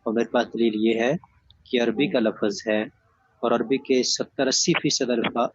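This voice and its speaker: A man's voice: mid-range voice, a little mellow, breathy edge, dry recording. A man teaching an online class, firm and methodical, explaining by repeating examples over dull lo-fi audio.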